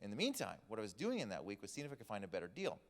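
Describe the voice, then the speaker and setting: A man's voice: lowish voice, racing. A man teaching a class to a group in a church hall, telling stories with humor and acting out the people in them. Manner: animated storyteller, acts out quoted people. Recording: long hall reverb.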